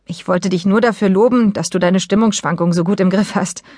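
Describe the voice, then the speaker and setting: A woman voicing a calm, teasing father who speaks with wry humor, in an audiobook. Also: mid-range voice, a little fast, dry recording, studio quality, natural voice. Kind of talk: audiobook character voice.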